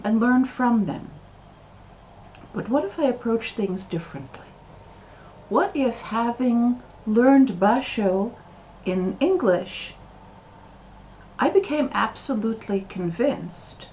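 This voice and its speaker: An American woman talking to camera in a slow, deliberate monologue, full of pauses and fillers. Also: medium pitch, darkish tone, slight background noise, poor audio. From United States. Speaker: video commentator.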